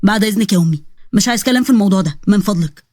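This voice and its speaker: A woman's voice: medium pitch, racing, a little mellow, no room sound, studio quality, voice pushed down, natural voice. A woman voicing a short-tempered young male police officer with an Egyptian accent, who scolds bluntly. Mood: annoyed. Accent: Egyptian Arabic.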